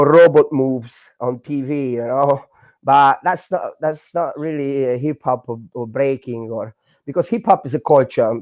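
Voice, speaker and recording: A man's voice: mid-range voice, a little mellow, dry recording. Hungarian man in his forties, dry sound. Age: 40s. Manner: halting, many fillers, non-native grammar. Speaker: guest, breakdancer. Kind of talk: casual interview storytelling.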